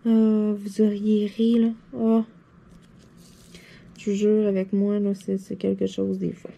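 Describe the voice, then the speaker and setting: A woman with a Québécois French accent, seated at her desk, telling anecdotes to her viewers in a chatty, animated way, full of fillers and laughter. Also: medium pitch, slow pace, vocal fry. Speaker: vlogger. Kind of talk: casual anecdote storytelling to viewers.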